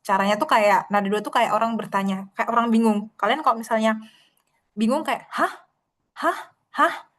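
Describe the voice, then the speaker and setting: A woman with a slightly high voice teaches a Mandarin class over a video call. She explains patiently, slows down to model each tone, and stretches the syllables out for her students. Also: fairly even intonation. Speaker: Mandarin tutor.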